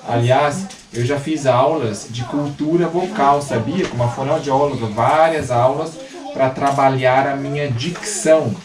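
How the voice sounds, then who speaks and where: A man's voice: mid-range voice, reverberant, far from the mic, crowd noise. A male missionary host in casual religious chat, speaking with careful articulation and often adding "né?". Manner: explains with deliberate articulation, frequent "né?".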